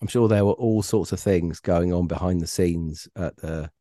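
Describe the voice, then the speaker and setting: A middle-aged man being interviewed, telling stories in a relaxed, hesitant way with frequent ums and restarts. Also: low voice, moderate pace, no room sound, studio quality. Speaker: podcast guest, former radio reporter. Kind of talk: casual interview chat.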